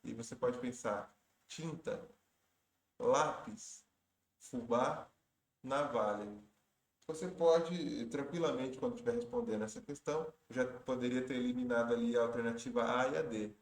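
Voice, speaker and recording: A man's voice: mid-range voice, moderate pace. A man teaching Portuguese grammar for exam prep. He works through each question step by step, patiently, and often stops to correct himself. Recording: roomy echo.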